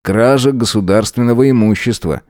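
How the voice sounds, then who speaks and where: A man's voice: mid-range voice, moderate pace, a little mellow, no echo, lightly acted. A man reading an audiobook voices a stern Soviet police lieutenant who talks curtly and dryly. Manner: curt and dry.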